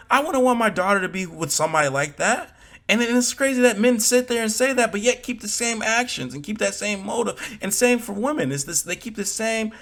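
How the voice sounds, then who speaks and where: A man's voice: high-pitched, a bit bright. A young man talking earnestly and casually in a personal vlog, often restarting phrases and growing heated. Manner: earnest, rising to heated emphasis; casual slang, frequent restarts. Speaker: vlogger.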